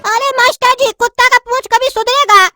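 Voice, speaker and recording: A woman's voice: extremely high pitch, fairly even intonation, fairly quick, sharp tone, no echo, soft background music. A woman voicing a teasing male classmate in a cartoon comedy.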